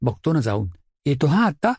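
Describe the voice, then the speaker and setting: A man voicing an eager, mischievous schoolboy who talks in a bright, pleading, chatty way. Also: on the high side, sing-song, fairly quick, husky, dry recording, clean studio sound, heavily acted. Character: mischievous helpful schoolboy, eager and quick-witted.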